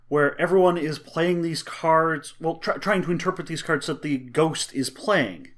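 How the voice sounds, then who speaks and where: A man with a somewhat higher voice talking enthusiastically through a list of tabletop games. His delivery is casual and chatty, with a few stumbles. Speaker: co-host. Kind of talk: casual board game discussion.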